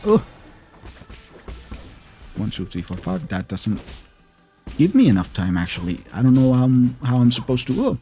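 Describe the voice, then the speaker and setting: A gameplay streamer chats casually through his let's play, muttering to himself and grumbling at the boss he's fighting. His medium-pitched, warm voice swings widely in pitch at a moderate pace, pausing often, with faint music behind.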